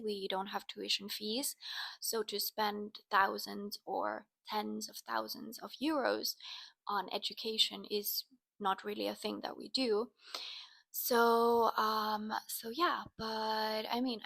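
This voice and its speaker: Relaxed woman with vocal fry. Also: medium pitch. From Finland. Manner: relaxed and chatty, drifting into soft breathy asides. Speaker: vlogger. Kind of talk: casual personal vlog.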